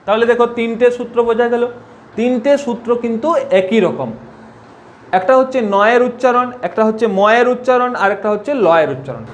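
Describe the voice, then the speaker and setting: A man's voice: extremely high pitch, brisk, slight background noise. A man teaching a spelling and pronunciation lesson, repeating each point and asking questions that he answers himself. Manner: repetitive, asks questions and answers them himself.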